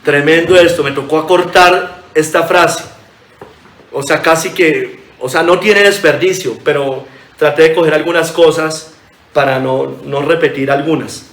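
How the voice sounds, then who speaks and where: Pastor guy preaching earnestly, reading scripture out, slightly high voice, echoey room. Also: steady tone, measured pace, fairly bright tone. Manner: earnest preaching, addresses hearers as brothers, reads scripture aloud. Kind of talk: sermon.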